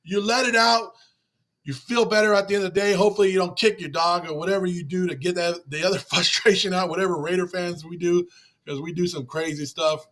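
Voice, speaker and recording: A man's voice: high-pitched, fairly even intonation, a little fast, a bit bright. A man hosting a livestream after a game, talking emotionally and repetitively as he reads and answers chat comments. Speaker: fan channel host on a livestream. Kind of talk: livestream postgame rant.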